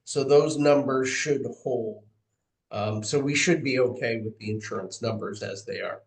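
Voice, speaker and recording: A man with a mid-pitched voice gives explanations as an official at a meeting. His voice comes with a strong roomy echo. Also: normal speed, vocal fry. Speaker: town official answering budget questions. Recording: echoey, roomy meeting audio.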